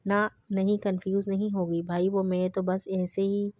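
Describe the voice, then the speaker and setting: Brief: narrator doing an innocent, easily flustered young wife, dry close sound. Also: female voice, mid-range voice, flat delivery, a little mellow, no echo, lightly acted.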